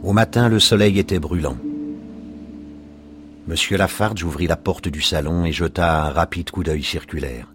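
A man narrating a story in a calm, measured audiobook reading. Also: low voice, husky.

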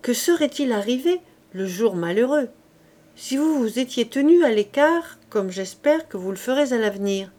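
A woman's voice: on the high side, expressive, warm tone, close to an everyday voice. Woman reading a cool, shrewd duchess. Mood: urging. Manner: measured, cool and direct. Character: composed, shrewd duchess, a calm court lady. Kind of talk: audiobook reading.

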